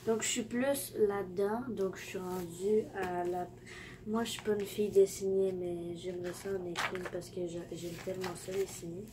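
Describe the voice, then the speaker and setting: Background noise accompanies a teen girl vlogging casually with a Québécois French accent while she has the flu. She speaks at normal speed in a steady, lowish voice, offering rambling, self-correcting tips and often dipping to a near-whisper.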